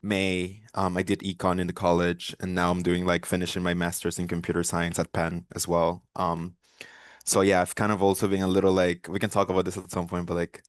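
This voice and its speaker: Deep, flat-voiced young man from Peru. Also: clear, resonant tone, no room sound. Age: 20s. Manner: hesitant, filler-heavy. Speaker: student panelist. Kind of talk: casual introduction. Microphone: video call.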